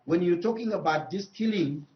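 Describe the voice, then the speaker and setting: A man with a Congolese accent and a high voice speaks emphatically as a traditional leader in a news interview. His phrasing is halting, with repeated phrases, and the audio sounds dull.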